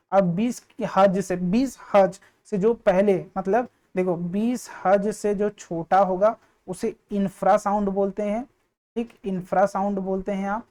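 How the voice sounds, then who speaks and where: In an online exam-prep lesson, a man with a high, soft, and mellow voice teaches physics, patiently guiding students through each point and often checking they follow. He mixes English terms into his explanations.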